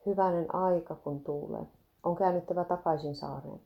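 A woman reading as a gruff, stubborn male fisherman. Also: fairly low pitch, steady tone, dull audio. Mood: urgent.

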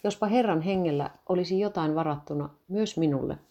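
A woman reading the lines of a stern, quick-tempered older clergyman father. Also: low-pitched, creaky, mellow. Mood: wondering. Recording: dull lo-fi recording.

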